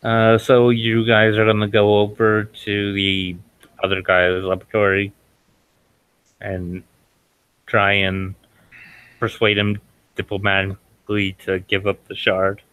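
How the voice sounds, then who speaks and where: A man's voice: fairly low pitch, monotone, slow, long pauses, fairly bright tone, clean tone, dry recording, dull audio. A man narrating as game master, hesitant and full of fillers.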